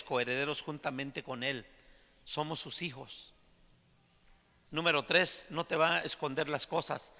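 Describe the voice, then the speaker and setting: A man's voice: mid-range voice, in a large hall. A man preaching an emphatic sermon to his congregation in a church. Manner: emphatic preaching, often loud and climbing. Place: church sanctuary.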